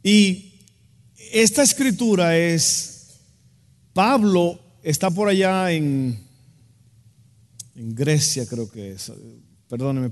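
A man preaching a sermon as pastor, impassioned, with a rising and falling delivery. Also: high-pitched. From Dominican Republic. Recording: echoey hall with long reverb.

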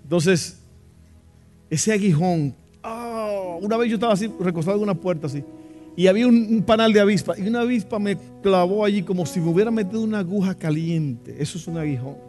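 A man's voice: sits high, fairly quick, mellow, faint music behind. A man preaching a sermon in a church, impassioned and asking the congregation questions. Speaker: pastor.

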